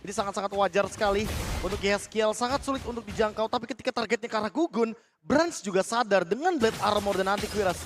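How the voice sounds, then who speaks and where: A man's voice: sits high, quick pace. A man with an Indonesian accent explaining tactics as an analyst during live esports commentary. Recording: loud music behind the voice. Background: music.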